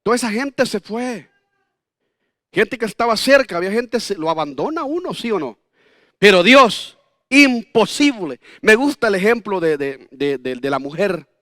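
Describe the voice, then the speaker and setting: A man's voice: high-pitched, lively intonation, moderate pace, a bit bright, no echo, clean studio sound. A man in his fifties preaching a sermon as pastor, telling folksy personal stories with jokes and rhetorical questions. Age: 50s.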